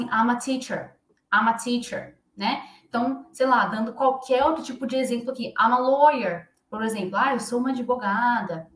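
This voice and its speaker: A woman's voice: high voice, fairly bright tone, roomy sound. A woman with a Brazilian Portuguese accent, an English teacher explaining phrases in a chatty way that keeps checking in with the learners.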